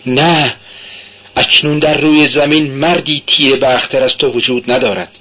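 A man voicing a desperate, tearful young woman who pleads in high cries. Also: sing-song, bright, forceful tone, breathy edge, dull audio, heavily acted. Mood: pleading.

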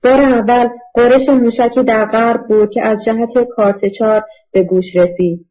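A woman's voice: fairly high pitch, steady tone, faint music behind. Woman narrating an audiobook, muffled sound. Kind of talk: scripted narration.

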